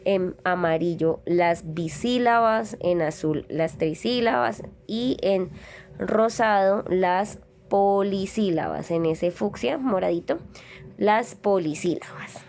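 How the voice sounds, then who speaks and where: A woman teaches children in a recorded lesson. She speaks slowly and patiently and draws words out syllable by syllable. Her voice sits at an ordinary middle pitch. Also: a little mellow. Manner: slow, patient, stretches out syllables to demonstrate.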